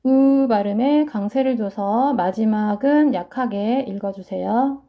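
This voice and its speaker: A woman's voice: on the high side, unhurried. A woman teaching English pronunciation, explaining each sound patiently and step by step. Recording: muffled lo-fi sound.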